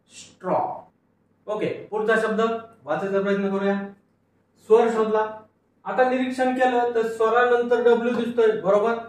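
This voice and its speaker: A man's voice: high-pitched, slight background noise. A man teaching English word reading, patiently asking questions and answering them himself in call-and-repeat drills. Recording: very echoey room, mic at a distance.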